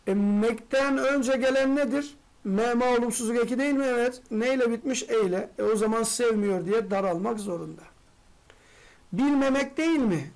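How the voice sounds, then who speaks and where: A medium-pitched, slightly mellow voice belongs to a teacher running an exam-prep grammar class. They pose rapid rhetorical questions, answer them, and address students warmly as friends.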